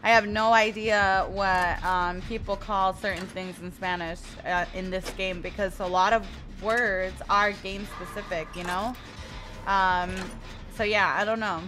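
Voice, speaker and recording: Music plays behind a steady, mid-range female voice that moves a little slowly. The speaker is a U.S. streamer in her twenties, casually chatting, laughing a lot and reading out her viewers' messages while she plays.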